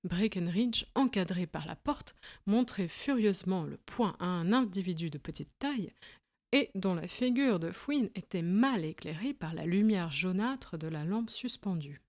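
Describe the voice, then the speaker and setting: A woman narrates a classic detective story in a steady, clear reading voice. Her pitch sits a little low for a woman. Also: measured pace. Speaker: audiobook narrator. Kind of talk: scripted narration.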